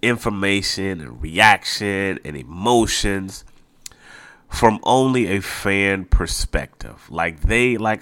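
A man's voice: deep voice, a bit bright, no room sound. A man hosting a casual solo sports podcast, a little nasal and congested, talking informally and repeating phrases for emphasis. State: mildly congested from allergies. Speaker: podcast host.

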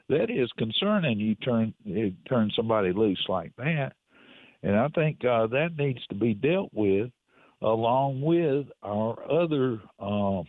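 A man calling in to a radio talk show over a phone line, speaking haltingly with many restarts and fillers. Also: on the low side, dry recording. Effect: phone-line call-in audio. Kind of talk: call-in talk radio comment.

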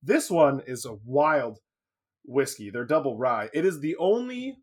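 A man co-hosting a podcast in casual chat, animated and laughing often. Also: medium pitch, measured pace. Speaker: podcast co-host.

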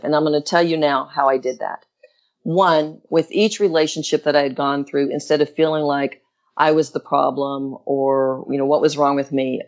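A woman's voice: sits low, darkish tone. A woman in her fifties speaking conversationally as an interview guest, giving earnest, instructive self-help coaching with rhetorical questions. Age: 50s. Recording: dull, lo-fi audio.

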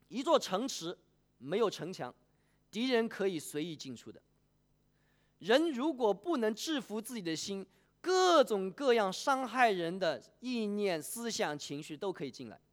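Preacher at the pulpit, mid-pitch voice with a wide, lively swing; engages the congregation directly. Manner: animated, poses questions and polls the congregation. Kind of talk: sermon.

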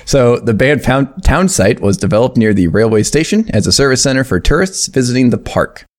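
A man's voice: mid-range voice, lively intonation, a little fast. A man co-hosting a casual podcast, reading history notes aloud with fillers and restarts. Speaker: podcast co-host.

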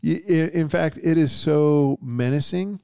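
A man's voice: on the high side, measured pace, creaky, mellow, smooth, dry recording, studio quality. A man narrating as game master for a tabletop game, playful and chuckling as he describes the gore.

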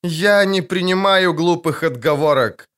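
A man's voice: a little high, a little slow, fairly bright tone, pitched above the performer's own voice. A man reading an audiobook, voicing a vain, indignant young female siren in a sing-song, whining voice. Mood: demanding. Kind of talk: audiobook character voice.

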